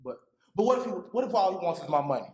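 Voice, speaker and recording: A man acts out a resentful young man in a stage play. He argues in a casual, defensive way with very animated intonation. The sound is roomy. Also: high-pitched, fast talker. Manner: defensive, informal, argumentative. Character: resentful, stubborn young man in his mid-twenties.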